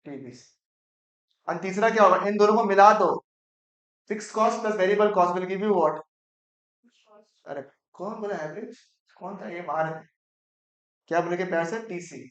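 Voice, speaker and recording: A man's voice: sits high, a bit bright, muffled recording. Male teacher, teasing, quizzing the class, roomy classroom echo. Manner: asks the class quick questions, mixes Hindi and English; playful, teasing students. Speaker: economics teacher. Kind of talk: classroom lecture. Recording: echoey classroom.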